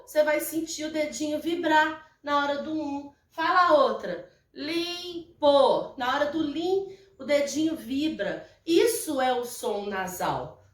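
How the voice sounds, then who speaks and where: Slow, patient high-voiced Brazilian teacher. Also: female voice. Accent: Brazilian Portuguese. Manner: slow, patient, repetitive explaining with check-ins. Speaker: primary school teacher. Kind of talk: recorded classroom lesson for children. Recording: echoey room, mic at a distance.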